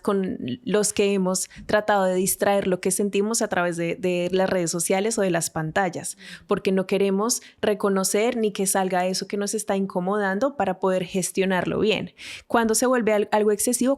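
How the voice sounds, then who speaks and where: A woman psychologist in a podcast conversation, explaining calmly and giving many small listening sounds. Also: mid-range voice.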